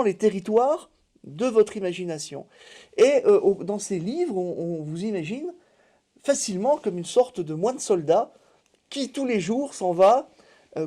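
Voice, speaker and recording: An interviewer asking long, halting questions full of fillers. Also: mid-range voice, mellow.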